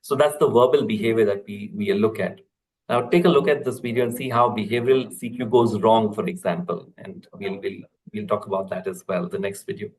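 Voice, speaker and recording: A man, a corporate trainer explaining a lesson in a webinar, steady and explanatory with frequent fillers and restarts. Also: lowish voice, a little fast, low-quality recording.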